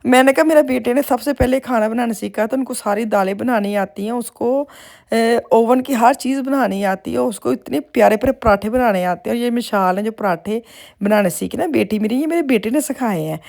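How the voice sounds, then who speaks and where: A woman's voice: on the high side, brisk, creaky, darkish tone. A middle-aged woman from Pakistan with a Punjabi accent, chatting in a rambling, homely way as she narrates her daily vlog. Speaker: vlogger. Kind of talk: casual vlog voice-over.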